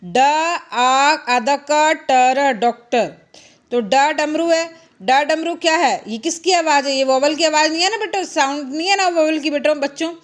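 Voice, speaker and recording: A woman teaching English grammar to children in Hindi. She reads English example sentences slowly, explains them, and asks questions that she answers herself. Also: high-pitched. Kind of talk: bilingual classroom grammar lesson.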